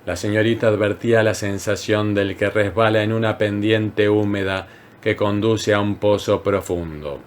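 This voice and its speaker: A man with a low, steady voice reads a literary short story aloud. His delivery is measured and calm, broken into short phrases by deliberate pauses. It sounds like a carefully paced audiobook narration. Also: slight background noise. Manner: measured, unhurried reading with frequent pauses.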